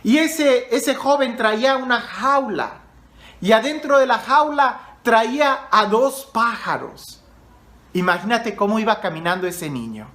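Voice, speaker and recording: A man's voice: extremely high pitch, animated, unhurried, fairly bright tone, echoey room. A male priest telling a story in a conversational sermon, addressing the listener directly.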